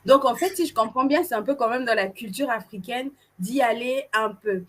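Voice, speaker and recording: Woman co-host from Cameroon, animated and playful with the crowd, slightly high pitch. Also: normal speed. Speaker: event co-host. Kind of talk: casual presenting to an audience.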